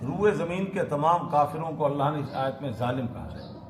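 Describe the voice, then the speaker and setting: Echoey mosque preacher reciting and explaining verses. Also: male voice, on the high side, big pitch swings, moderate pace. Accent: Pakistani Urdu. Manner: recites Arabic verses then explains, asks the audience questions. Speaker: maulana giving Quran lesson. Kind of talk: mosque sermon, Quran commentary. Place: mosque hall. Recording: echoey mosque hall, faint noise.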